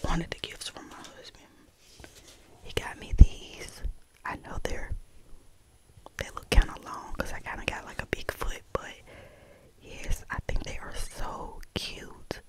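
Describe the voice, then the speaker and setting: An American woman speaks in a soft, breathy whisper, as if right in your ear. She chats casually and without hurry in an ASMR vlog style, very close to the microphone. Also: low-quality recording. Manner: unhurried, chatty, close-up talking. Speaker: vlogger. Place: bedroom, indoors. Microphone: small desktop condenser mic held close.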